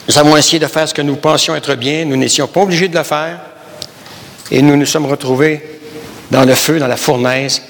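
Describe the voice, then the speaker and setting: A man's voice: medium pitch, fairly bright tone, long reverb tail. A man from Canada with a Québécois accent, preaching a sermon emphatically and repeating phrases, addressing the congregation as brothers and sisters. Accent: Québécois French. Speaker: pastor.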